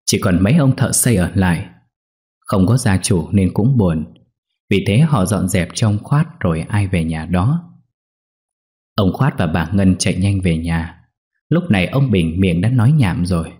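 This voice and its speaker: A man narrating a ghost story in an expressive storytelling way. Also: sits low, slightly rough.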